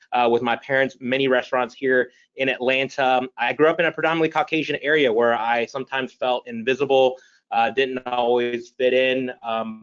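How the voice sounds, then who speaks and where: A man speaking over a video call whose audio sounds slightly dull and muffled. He talks in a halting way, stopping and restarting often. His voice sits in an ordinary middle pitch for a man. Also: clean tone. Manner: halting, many fillers and restarts. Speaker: panelist, diversity executive. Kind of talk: webinar panel introduction.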